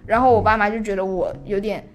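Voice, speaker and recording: A woman in her twenties in casual chat, telling a family story in an animated way and acting out what was said. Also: mid-range voice, fast talker. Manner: animated storyteller who acts out quoted lines. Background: music playing underneath.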